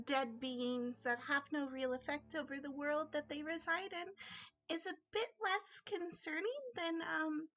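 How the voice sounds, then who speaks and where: A woman playing in a tabletop game, speaking in character in a measured, formally polite way with frequent ums. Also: sits high, a bit bright, highs cut off. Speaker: player voicing her character. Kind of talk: in-character tabletop role-play.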